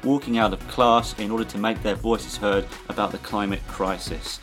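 A man with a fairly low voice narrates a scripted podcast as its host. Music runs underneath his delivery. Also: fairly even intonation, moderate pace, a bit bright.

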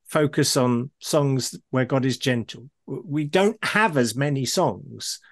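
Musing male interviewer, mid-pitched voice. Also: slow. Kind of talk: conversational interview.

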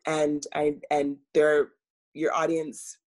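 A woman coach speaking as an interview guest, measured and earnest, pausing often with fillers. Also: sits low, monotone, a little mellow. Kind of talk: reflective interview talk.

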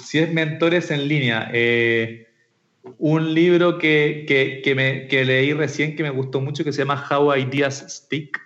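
A man's voice: fairly high pitch, steady tone, slow pace, a bit bright, lo-fi sound. A man from Chile, an entrepreneur, answering interview questions casually and hesitantly, with many fillers and repeated words. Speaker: entrepreneur guest.

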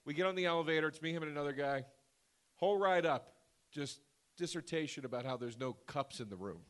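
A man's voice: a little high, fast. Joking man hosting a live podcast. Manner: jokey, storytelling, hypes the crowd. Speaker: podcast host at live screening. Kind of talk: live podcast banter to an audience. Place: movie theater in front of an audience.

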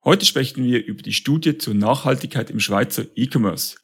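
A man's voice: medium pitch, brisk, slightly rough. A man hosting a podcast, asking questions in an upbeat, enthusiastic way and reading a sponsor message. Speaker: podcast host.

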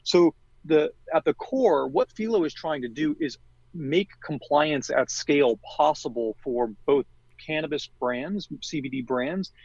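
A man's voice: fairly high pitch, unhurried, darkish tone, no room sound, muffled recording. A man being interviewed as a marketing executive, talking in a conversational way with many fillers and restarts.

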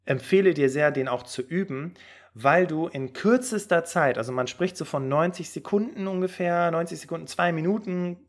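Lively German man giving career advice. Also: fairly high pitch. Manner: lively, talks directly to the listener with fillers. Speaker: podcast host and career coach. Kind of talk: podcast advice monologue.

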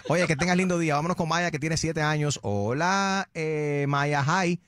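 A man's voice: fairly high pitch, moderate pace, a bit bright, no room sound, studio quality. A man hosting a morning radio call-in show, playful and laughing as he switches between Spanish and English.

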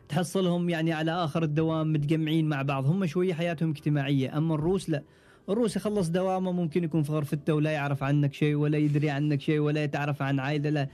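A young man with an Omani Arabic accent, speaking fast in a slightly raised pitch. His tone is warm and mellow as he relaxes into casual storytelling, often trailing off and restarting his thoughts. Faint music sits quietly behind his voice. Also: steady tone. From Oman. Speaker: podcast guest, ship engineer. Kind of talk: casual interview chat.

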